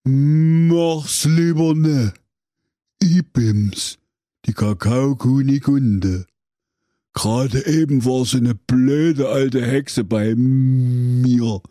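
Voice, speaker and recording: A slow, drawling talking cow, as a man puts her on in a comedy radio fairy tale. The voice is mellow and unhurried, dry and close to the mic. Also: medium pitch, no echo. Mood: warning. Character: enchanted talking cocoa cow, female, slow and sly.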